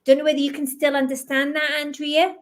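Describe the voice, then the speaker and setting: A woman with a slight Scottish accent speaks quickly and gently, her voice sitting high and light. She gives reassuring psychic readings over a video call on a live stream. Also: level tone. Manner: fast-talking, gentle and reassuring. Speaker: psychic medium.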